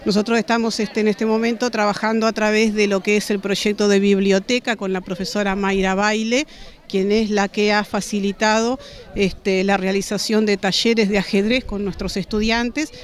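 A school principal in her forties, speaking with a Uruguayan Spanish accent, answers a news interview outdoors in a measured way, filling pauses with many "este"s. Her mid-range voice has a level tone, and handheld reporter mics are held up to her face.

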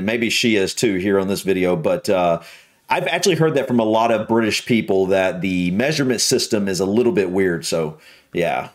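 An American man hosting a casual reaction video, musing aloud with lots of restarts and trailing thoughts. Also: mid-range voice. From United States.

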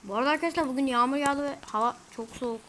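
A woman's voice: sits high, rapid-fire, fairly bright tone, slight background noise, low-quality recording. A woman giving casual gameplay commentary to her viewers, easily frustrated, grumbling and exclaiming as she plays. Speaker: gamer.

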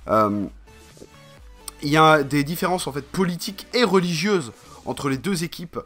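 A man from France talks loosely to his viewers, drifting from point to point with slang and constant fillers. His voice is bright and forceful and sits a little high. Faint music plays underneath. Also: animated, normal speed. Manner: rambling, slangy, full of fillers. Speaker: vlogger. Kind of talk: casual vlog chat.

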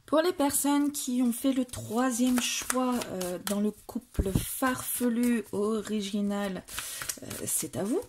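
A woman's voice: fairly high pitch, slow pace, noisy background. A woman doing a casual tarot reading for viewers, talking with many hesitations and restarts. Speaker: tarot reader.

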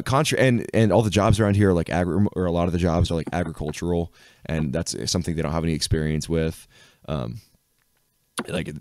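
A man's voice: deep voice, darkish tone, no echo, clean studio sound. A man hosting a podcast in casual chat, rambling with many fillers and frequent laughs. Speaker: podcast host.

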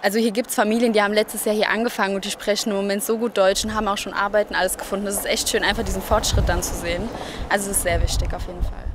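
A woman's voice: medium pitch, little pitch movement, rapid-fire, noisy background. An eighteen-year-old woman from Germany, a volunteer, answering interview questions outdoors into a handheld mic. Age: teens. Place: outdoors by a building. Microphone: handheld mic held by interviewer.

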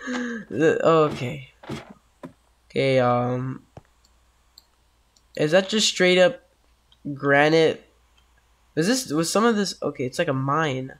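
A man's voice: a little high, a bit bright. Sick man jokily commentating a horror game. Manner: casual, jokey, easily spooked. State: sick, coughing. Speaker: gameplay commentator.

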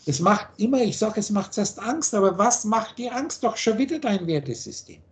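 A man's voice: high-pitched, lively intonation, moderate pace. A man teaching in a video call, blunt and preachy, firing off rhetorical questions. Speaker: spiritual teacher.

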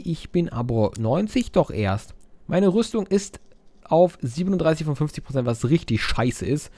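A man's voice: medium pitch, darkish tone, dry recording. A young man doing casual game commentary, reading viewer messages aloud in silly voices and swearing while joking around. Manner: crude, joking, swears a lot. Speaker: let's player.

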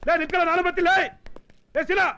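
Boastful street tough, very high, rapid, sharp-edged voice. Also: male voice, level tone, lo-fi sound, slight background noise. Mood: blustering. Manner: boastful, threatening, shouting. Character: loud blustering neighbourhood tough guy. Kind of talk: film dialogue.

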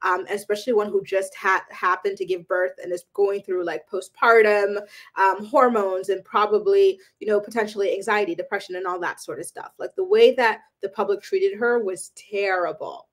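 At a normal speed and in a steady mid-range tone, a woman runs a celebrity gossip channel, offering her opinions in a relaxed, talkative way. Fillers like "um" and "like" come up frequently.

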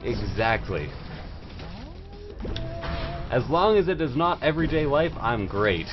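A man's voice: a little high, very animated, fairly quick. A young man giving casual livestream game commentary in a rowdy, silly, tipsy party-animal way. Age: young adult. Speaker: livestream host playing a video game. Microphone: microphone pulled close to the face. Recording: dull lo-fi stream audio with music. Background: game music.

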